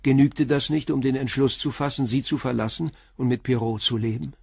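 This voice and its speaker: Gravelly and slightly rough, this mid-range male voice belongs to an actor portraying a calm, persistent middle-aged commissioner in a German crime radio play. He questions in a measured, blunt, probing manner, in clean studio sound with no echo.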